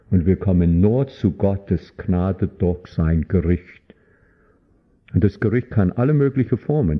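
A man's voice: low voice, husky. A man preaching a sermon with passion and emphasis, his phrasing clumsy and often ungrammatical. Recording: dull lo-fi recording.

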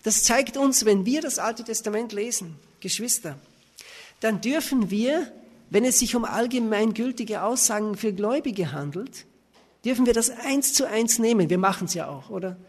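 A man's voice: high-pitched, animated, normal speed, darkish tone, breathy edge. A man preaching a sermon, reading verses aloud and pressing his points with emphatic rhetorical questions. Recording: reverberant hall.

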